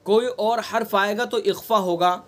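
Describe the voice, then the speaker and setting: A man with a Delhi Urdu accent teaching Quran recitation rules in an online class, patiently explaining and repeating examples with drawn-out nasal sounds. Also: sits high, fairly even intonation. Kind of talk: online tajweed lesson. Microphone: online class recording.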